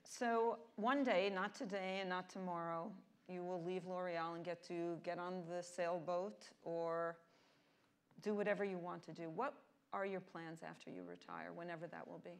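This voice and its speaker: A woman's voice: on the low side, steady tone, normal speed, smooth. A woman interviewing a guest on stage, upbeat and direct with her questions. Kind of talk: onstage interview.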